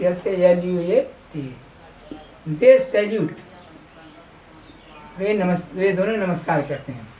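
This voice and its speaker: Man teaching class, slow careful dictation, echoey room, mic far off. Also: sits high, darkish tone. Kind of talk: classroom lesson.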